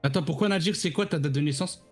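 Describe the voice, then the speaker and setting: A man's voice: on the high side, quick pace, a little mellow, soft background music. A young man on a voice call, joking and calling his friends bro in slangy casual talk. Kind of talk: casual chat.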